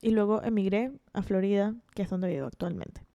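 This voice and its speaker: A woman's voice: mid-range voice, expressive, a little fast, warm tone, no room sound. A woman in her twenties with a Venezuelan accent, hosting a podcast in a chatty, self-deprecating monologue full of restarts. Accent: Venezuelan Spanish. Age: 20s. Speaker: podcast host. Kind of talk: casual monologue.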